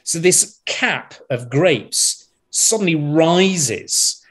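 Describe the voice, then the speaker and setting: A man, a wine expert, telling a lively anecdote on a podcast, acting out other people's lines and laughing as he goes. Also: fairly high pitch, very slow, husky. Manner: animated storyteller, acts out quotes, laughs mid-sentence.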